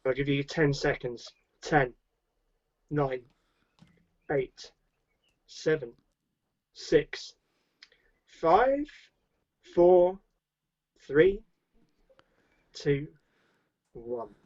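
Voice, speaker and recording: A man hosting a casual game over a video call, his voice sitting a bit high and swinging widely as he teases the players. The audio is lo-fi and a little dull, typical of a call. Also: expressive, drawn-out words, long pauses, darkish tone. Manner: playful, teasing, counts down and gives points. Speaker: youth pastor, stream host.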